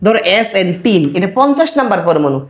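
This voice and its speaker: A man gives a chemistry lesson at a coaching center. He speaks in a steady, patient classroom manner, stretching out important terms and repeating them. He asks rhetorical check questions again and again to keep students with him. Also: sits high, fast talker. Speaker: chemistry tutor. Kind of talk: classroom lecture.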